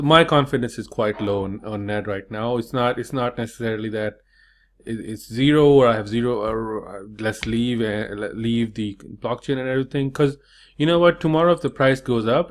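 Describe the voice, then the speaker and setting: A man's voice: on the low side, steady tone, fairly quick. A man hosting a casual online interview, frank and hesitant with many fillers. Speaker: interview host.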